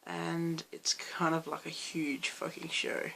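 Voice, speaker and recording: A young Australian man with a hoarse, croaky voice, chatting loosely in a late-night vlog and rambling through restarts. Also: on the high side, completely flat delivery, slow pace, bright, forceful tone, a little hiss or hum. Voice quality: gravelly fry. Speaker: vlogger.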